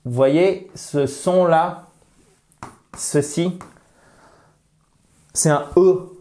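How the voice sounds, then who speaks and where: A French-speaking man with a slightly raised pitch explains English plurals and pronunciation. He talks at a slow, unhurried pace, drawing out each example word with emphasis and dropping in playful asides. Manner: lively, repeats example words slowly and emphatically, playful asides. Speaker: English teacher. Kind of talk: lesson explaining grammar and pronunciation.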